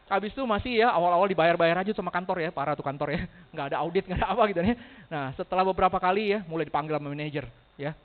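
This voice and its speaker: A man speaking fast with a high voice, telling stories to a room of sales agents. He acts out the other people's lines and laughs as he goes. The sound is thin and phone-like. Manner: animated, laughs often, acts out dialogue. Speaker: motivational speaker. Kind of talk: storytelling talk to a sales team.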